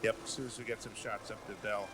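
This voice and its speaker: A man's voice: on the low side, little pitch movement, fast talker. Man talking through work over prominent music. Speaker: oceanographer at work. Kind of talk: working talk with colleagues.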